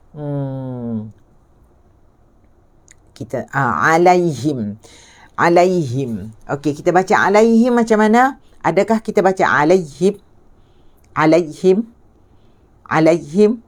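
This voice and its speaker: Malaysian lady teacher, low voice, takes it slow, keeps repeating sounds and asking if you got it. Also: darkish tone. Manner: patient, repeats sounds slowly and asks checking questions. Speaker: Quran recitation teacher. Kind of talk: tajwid lesson on letter pronunciation.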